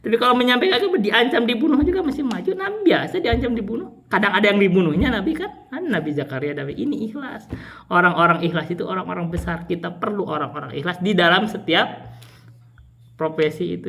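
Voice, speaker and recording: A man from West Java with a Sundanese accent, teaching religion in a casual, rambling way, jumping from high exclaims to low mutters. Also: lively intonation, fast talker, gravelly, a bit bright. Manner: rambling, repetitive, pitch swings between high outbursts and low mutters. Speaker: Islamic teacher.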